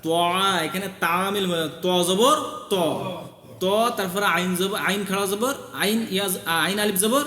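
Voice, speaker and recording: A man teaching Quran recitation, repeating phrases for his learners and chanting the verses slowly. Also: high voice, steady tone, bright, forceful tone, reverberant, in a large hall. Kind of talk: tajweed lesson with chanted recitation.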